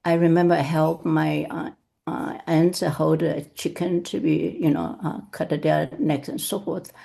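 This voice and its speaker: Low gravelly woman from Taiwan. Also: fairly even intonation, dark tone. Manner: hesitant, halting with many fillers. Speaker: study group participant. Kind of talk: personal sharing in an online discussion.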